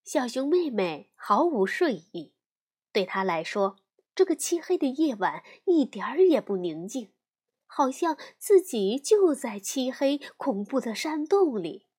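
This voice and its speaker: 一位女性用缓慢而富有表现力的语气朗读儿童故事。. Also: female voice, sits high, breathy edge. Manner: slow, expressive storytelling. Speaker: storyteller. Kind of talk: children's audiobook narration.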